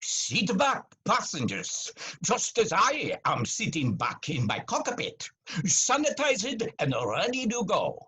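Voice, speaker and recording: A man's voice: sits high, huge pitch swings, slow, sharp tone, husky, exaggerated voice, rough recording. An actor playing a pompous, bumbling male airline captain in a comic audio play, speaking in a grandiose, self-important way full of innuendo. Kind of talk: comic audio drama acting.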